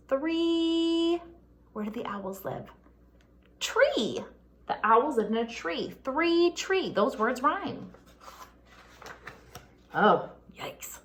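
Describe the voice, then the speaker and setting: Reading a picture book aloud for small children, a woman with a slightly high voice uses a lively, singsong style. She stops to ask questions, just like a pre-K teacher.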